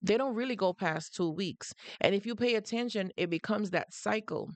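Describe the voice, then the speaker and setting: This woman, a livestream host with a Jamaican accent, chats casually and directly with her viewers in a mid-range voice at a normal speed, with no room sound. She repeats her points emphatically and cuts in to greet new arrivals.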